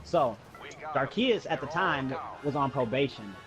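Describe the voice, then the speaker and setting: Speaking at medium pitch and normal speed over music, a man from Muskegon, Michigan, in the USA, gives a casual, animated retelling of something that happened to him. He voices the dialogue himself, using slang and plenty of swearing.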